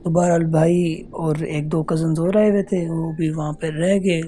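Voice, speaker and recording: A man telling a true ghost story as a casual voice note, earnest and hesitant, pausing often. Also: fairly high pitch, level tone, dark tone, slight background noise. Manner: earnest, unhurried, hesitant with many pauses. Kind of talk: casual spoken recounting of a true horror experience. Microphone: phone voice note.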